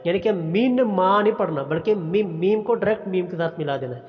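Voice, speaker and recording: A man with a Pakistani accent teaching Quran recitation, explaining pronunciation rules and chanting the verses in a drawn-out melodic style. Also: high voice, animated, long reverb tail, lo-fi sound.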